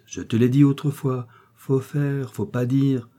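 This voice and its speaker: A man's voice: mid-range voice, fairly even intonation, measured pace, mellow, pitched above the performer's own voice, close to an everyday voice. A man playing a shrewd, cunning old peasant who lectures bluntly. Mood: lecturing.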